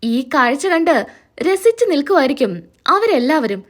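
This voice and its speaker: A woman's voice: high voice, very animated, moderate pace. A woman casually narrating a TV serial recap, describing each scene and reading out all the characters' dialogue herself.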